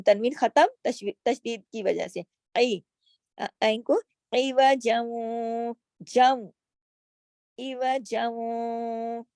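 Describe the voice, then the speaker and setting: Woman, recitation teacher, slow and careful, slightly high voice, dry close sound. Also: a little mellow, no room sound. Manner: patient, explains each letter and asks rhetorical questions. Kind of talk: slow tajweed lesson with recited words.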